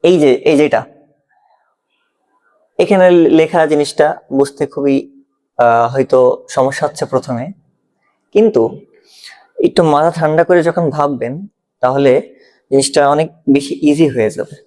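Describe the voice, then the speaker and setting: A man's voice: fairly high pitch, normal speed, long pauses, darkish tone. A man with a Bangladeshi Bengali accent teaching an exam-prep grammar lesson, explaining step by step and often checking if the learner follows.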